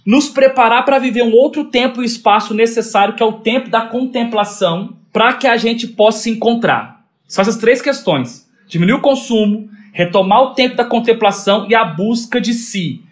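A man with a Brazilian Portuguese accent, answering as an interview guest in a reflective, conversational way, animated and fond of acting out little dialogues. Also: extremely high pitch, normal speed. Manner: animated, acts out quoted dialogue.

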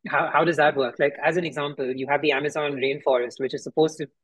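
A man, hosting a casual podcast discussion, asking probing questions and recalling his school days slowly. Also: a little high, steady tone, fairly bright tone, breathy edge, no room sound, poor audio. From India. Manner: questioning, thoughtful, slow when recalling. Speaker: podcast host.

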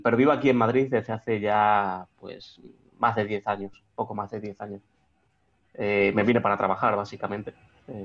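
With the highs cut off, the recording captures a lowish male voice. The speaker, in his thirties and from Extremadura, Spain, has a local accent and talks as a guest in a remote interview, hesitating with frequent restarts and fillers.

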